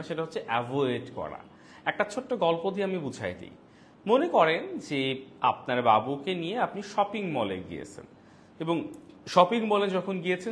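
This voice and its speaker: A man with a Bangladeshi Bengali accent hosts a live parenting talk, acting out quoted lines with a lively delivery. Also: medium pitch, slight background noise.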